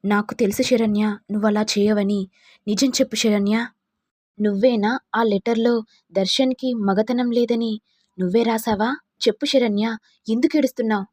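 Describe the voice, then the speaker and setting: A woman's voice: fairly high pitch, fairly even intonation, moderate pace, a little mellow, no room sound, clean studio sound, lightly acted. A woman voicing a stern but caring mother-in-law in an audio story, questioning insistently. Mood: pressing.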